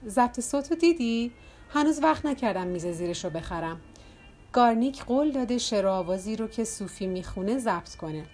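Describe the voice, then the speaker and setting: A woman's voice: animated, a little mellow, close to an everyday voice. Bubbly, chatty hostess with rising questions, read by a woman narrator. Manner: bubbly and talkative, pitch lifting on questions. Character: chatty, loud, self-mocking woman hostess. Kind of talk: audiobook character reading.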